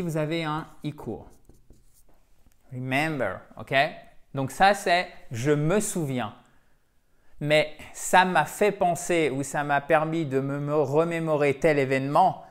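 Man, French native speaker, English teacher, video lesson, patient explanations, frequent repetition. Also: medium pitch. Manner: explains slowly, repeats words, checks in with "ok?".

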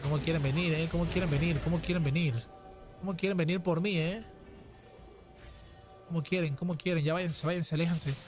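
Male streamer, higher-pitched, excitable play-by-play with teasing sing-song taunts, music bed under. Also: fairly quick, long pauses. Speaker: gaming streamer. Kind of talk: casual gameplay commentary. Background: background music.

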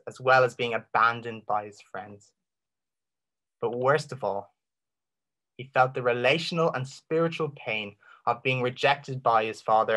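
A man's voice: medium pitch, fairly bright tone. Irish man giving an earnest faith talk. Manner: rhetorical questions with dramatic pauses, rising and falling intensity. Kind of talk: apologetic talk.

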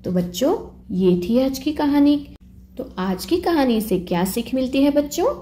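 Give me a woman storyteller for children, mellow and unhurried, expressive. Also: high voice. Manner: sing-song, expressive. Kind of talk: puppet storytelling for kids. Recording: roomy echo.

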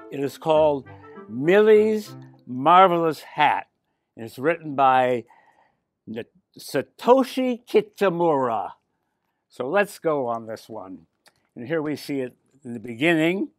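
An older man with a slightly high, animated voice reads a storybook to children. He breaks off now and then to chat and point things out to his listeners. The sound is close and dry, with no room around it. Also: no room sound. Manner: chatty, with asides to the children. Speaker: resident reader.

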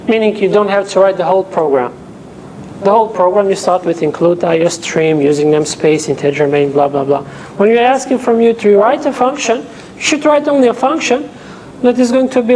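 In a projector-and-whiteboard lecture room, a young non-native English speaker working as a teaching assistant explains things one step at a time. His voice is high-pitched and darkish, and he keeps stopping to ask "okay?" to make sure students follow. Audio from his lapel mic is poor, with slight background noise.

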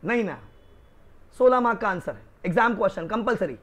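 Male law tutor, Rajasthani Hindi accent, high voice, chatty classroom storyteller. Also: expressive, brisk, fairly bright tone. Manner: chatty, joking, addresses students as kids. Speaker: law lecturer for accountancy students. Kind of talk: casual classroom lecture with stories. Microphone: new microphone.

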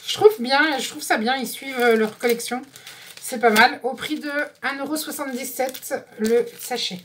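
A woman's voice: high voice, normal speed, fairly bright tone, slight background noise. A woman vlogger chatting casually through a craft supply haul, describing each item one by one and correcting herself as she goes. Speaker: scrapbooking vlogger.

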